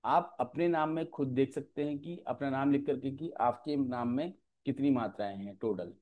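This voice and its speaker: A man teaching an exam-prep lecture, explaining step by step and often pausing to check that students follow. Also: mid-range voice, darkish tone.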